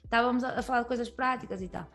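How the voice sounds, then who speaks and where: A woman's voice: a little high, very fast, a bit bright. A woman with a European Portuguese accent, a comedian talking candidly as a guest, rambling through many fillers and restarts. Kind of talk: candid podcast conversation.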